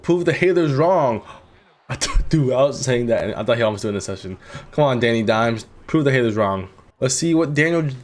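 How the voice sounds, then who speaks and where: A young man casually commentating a football video game simulation, laid-back and rambling, swearing freely, with sudden excited jumps. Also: mid-range voice. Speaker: gaming commentator.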